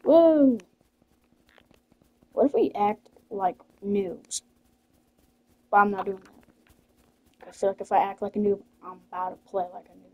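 A woman's voice: mid-range voice, animated, measured pace, pauses often, narrow, tinny audio, a little hiss or hum. A woman in loose, slangy chat while playing a football video game with a friend. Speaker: gamer. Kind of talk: casual gaming chat.

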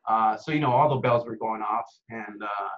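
A Costa Rican actor in his thirties speaks in a lowish voice at normal speed during a laid-back video call interview, dropping plenty of "dude" and "man." He's indoors in a home room with a window, and the call audio sounds dull and lo-fi.

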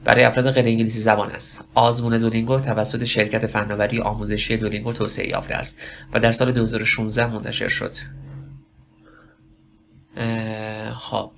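A man teaching a spoken lesson for test preparation, talking slowly in broken phrases and asking himself questions. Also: lowish voice, monotone, gravelly, a bit bright, a little hiss or hum. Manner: slow, halting delivery with many pauses and self-questions. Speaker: English test prep teacher.

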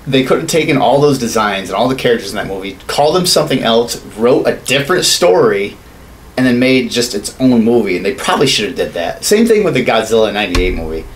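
With a sing-song, mid-range voice and a quick pace, a man in his thirties co-hosts a podcast, swearing often and rambling through opinionated, casual talk about films and games. The rough recording comes from a small indoor home studio and carries clear background room noise.

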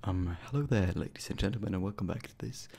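Whispering close to a foam-covered desk microphone in a small bedroom, a young adult ASMR host repeats words and short phrases again and again. His voice sits low and is warm and husky with vocal fry, and his pace is quick.

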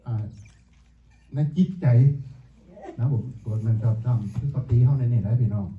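A man preaching a sermon to his congregation, halting and full of pauses and fillers. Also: mid-range voice. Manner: halting, many pauses and fillers, addresses the congregation as brothers and sisters. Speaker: pastor. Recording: echoey tinny phone-like sound from far off.

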